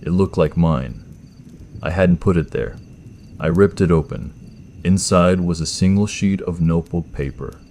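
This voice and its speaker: A man narrating a first-person horror story in a tense, measured scripted style. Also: low-pitched, dark tone, slight background noise.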